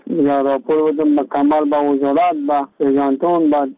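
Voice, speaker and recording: A man's voice: on the high side, level tone, clean tone, no room sound. A man with an Afghan accent, an army officer, making a spontaneous spoken complaint in a radio listener message. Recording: narrow phone-like message line.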